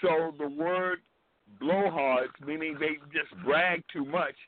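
A man's voice: fairly high pitch, steady tone, takes it slowly, phone-quality sound. A man chatting and explaining casually as a show panelist, repeating phrases for emphasis. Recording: band-limited line with clear noise.

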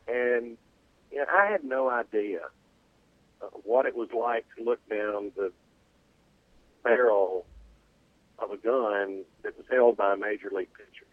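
A man's voice: lowish voice, unhurried, long pauses, dry recording. Male caller, buzzy glitchy cell audio that cuts out, tinny narrow phone sound, dry. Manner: rambling, with many restarts. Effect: buzzy, glitchy cell call that keeps cutting out. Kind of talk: casual phone-in storytelling.

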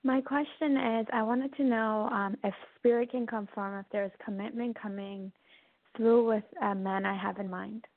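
Higher-voiced woman caller over the phone. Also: fairly even intonation, normal speed, narrow, tinny audio. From Canada. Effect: heard over the phone. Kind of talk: phone-in question to a psychic.

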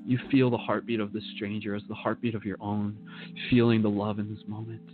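A man leading a guided meditation in a slow, soothing manner, speaking to the listener in the second person. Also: fairly low pitch, level tone, narrow, tinny audio, faint music behind.

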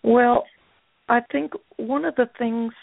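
Older woman guest artist, gravelly, chatty storyteller; tinny phone-line audio. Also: on the high side, fairly even intonation, slow, no echo. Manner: chatty, anecdotal, frequent fillers. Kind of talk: casual interview storytelling.

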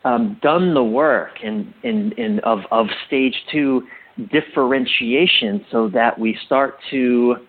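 A medium-pitched man, heard through narrow, tinny audio, is a guest in an interview. He explains things like a coach, thoughtful and halting, and repeats phrases for emphasis.

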